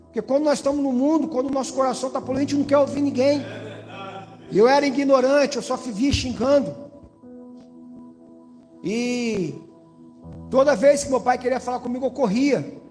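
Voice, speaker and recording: A man's voice: very high voice, brisk, long pauses, a little mellow. A man with a Brazilian accent from Espírito Santo, giving a testimony in an evangelical church and speaking directly to the pastor and the congregation. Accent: Brazilian Portuguese, Espírito Santo. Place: church hall. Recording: church hall reverb with faint music.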